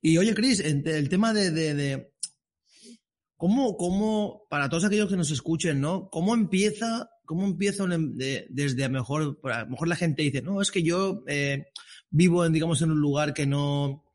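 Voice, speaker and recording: Male podcast host, voice a bit high; excitable, repeats words, trips into his questions. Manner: halting, repeats words, enthusiastic. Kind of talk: casual interview.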